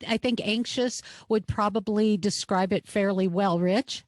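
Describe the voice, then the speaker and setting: A woman's voice: mid-range voice, a little slow, no echo. A woman hosting a podcast, chatting casually and upbeat about sports with her guests. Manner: chatty and upbeat, laughs easily. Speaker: podcast host.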